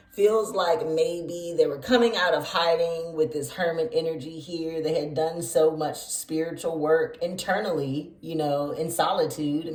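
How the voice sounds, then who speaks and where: A woman with a low, deep voice talks through a tarot spread in a chatty, animated way, dropping slangy asides. She sits some distance from the mic, and the room around her rings with echo. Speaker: tarot reader. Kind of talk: casual tarot reading vlog.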